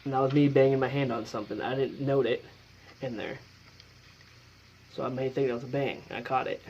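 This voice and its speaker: A man's voice: medium pitch, steady tone, fairly quick, a little hiss or hum. Chatty man explaining gear on a dull recording. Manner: loose, chatty, filler-heavy explaining. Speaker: paranormal investigator demonstrating equipment. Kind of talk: casual how-to demonstration.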